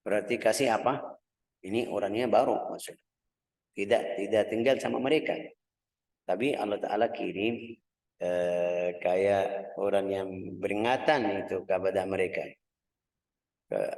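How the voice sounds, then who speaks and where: A man's voice: on the low side, darkish tone. Man teaching a religious lesson. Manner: explains slowly in simple Indonesian, searching for words, acts out voices. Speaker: Islamic teacher.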